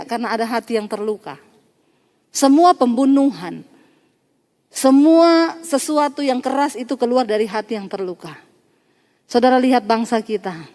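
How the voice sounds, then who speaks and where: A woman pastor preaching an animated storytelling sermon, acting out the dialogue and often calling out to the congregation. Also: fairly high pitch. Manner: animated, addresses congregation as Saudara, acts out dialogue. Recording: long church hall reverb.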